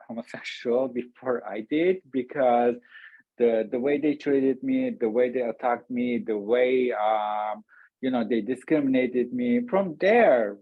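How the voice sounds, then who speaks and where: A man from Turkey, a guest speaking softly and haltingly, with small grammar slips. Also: mid-range voice, slightly rough, dry recording. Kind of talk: casual interview talk. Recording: tinny phone-like line, dry.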